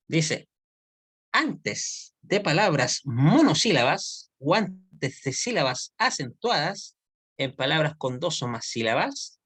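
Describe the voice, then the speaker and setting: A man's voice: fairly high pitch, fairly bright tone, husky, no room sound. A man teaching an online Hebrew grammar class, explaining step by step and often checking that students follow.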